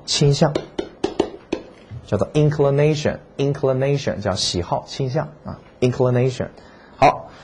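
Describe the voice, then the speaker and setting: A man's voice: fairly low pitch, a little mellow, slight background noise. A man teaching exam vocabulary in a lecture. He speaks emphatically, repeats key words and asks rhetorical questions.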